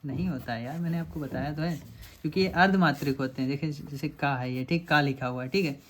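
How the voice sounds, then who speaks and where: A man's voice: fairly high pitch, quick pace, fairly bright tone, slight background noise. Male teacher explaining grammar quiz questions. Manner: explanatory, repeats checks like "samajh rahe hain aap". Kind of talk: lecture solving quiz questions.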